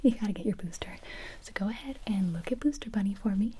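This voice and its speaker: Woman, mellow whisper, ASMR roleplay, comic doctor bits, sudden voiced outbursts. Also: mid-range voice, fast talker, husky.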